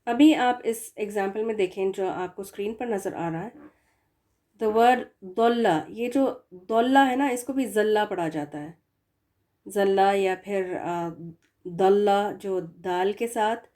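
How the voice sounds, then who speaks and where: A woman's voice: medium pitch, dark tone. Patient woman teaching recitation. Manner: patient explaining, slow drawn-out demo words. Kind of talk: tajweed lesson.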